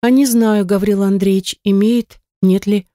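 A reader voicing a meek, quiet young female servant in an audiobook, answering timidly. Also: medium pitch, steady tone, measured pace, no room sound, studio quality, natural voice. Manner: soft-spoken, timid. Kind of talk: audiobook character reading.

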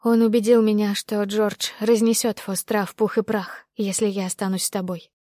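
A woman's voice: medium pitch, flat delivery, normal speed, mellow, dry recording, studio quality, lightly acted. A woman reading an audiobook, voicing a heartbroken young woman in emotional outbursts. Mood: pleading. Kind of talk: audiobook character voice.

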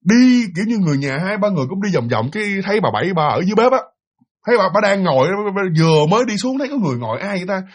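A man's voice: high-pitched, big pitch swings, rapid-fire. A man telling a ghost story in a chatty way, speaking straight to his listeners. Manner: chatty, addresses listeners directly. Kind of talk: casual spoken ghost story.

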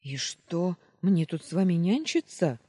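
A cranky young sentry snaps orders in a husky, dark voice, as a man reads him. His lines rise and fall sharply and come slowly and loudly, like a strict soldier scolding children. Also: high-pitched, very animated, pitched above the performer's own voice, full character voice. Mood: shouting orders. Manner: barking military orders. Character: stern young male sentry, irritable, bossy.

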